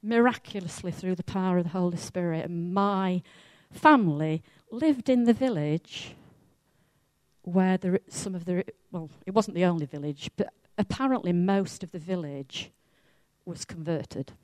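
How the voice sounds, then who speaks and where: A woman from Wales with a Welsh accent, preaching a sermon in a chatty, self-mocking and lively way. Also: lowish voice, unhurried, no room sound.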